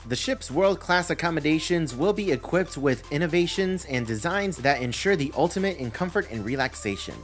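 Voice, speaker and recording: A channel host reading a news breakdown over slides, listing items with rising emphasis. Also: medium pitch. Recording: faint background music.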